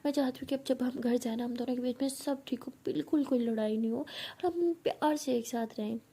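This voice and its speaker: A woman voicing a hot-tempered young college woman who coaxes her partner in a soft, half-whispered voice. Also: sits high, brisk, breathy edge. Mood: soothing. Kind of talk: storytelling role-play.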